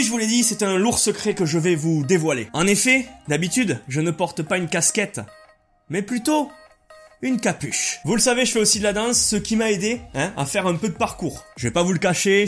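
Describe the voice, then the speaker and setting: A man's voice: sits high, animated, brisk, soft background music. A man from France hosting a casual, enthusiastic unboxing vlog, talking loosely with lots of fillers. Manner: casual, enthusiastic, many fillers and hedging "hein", "quoi". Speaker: YouTuber. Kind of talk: unboxing and product review vlog.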